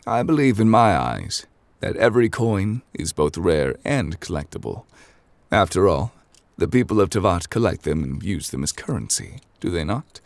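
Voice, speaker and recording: A man playing Zhongli, a deep, slow, formal ancient god. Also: no room sound, heavily acted. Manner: formal, measured, old-fashioned phrasing; soft-spoken, drops to near whispers. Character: ancient godly man, calm, scholarly, absent-minded. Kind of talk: ASMR audio roleplay.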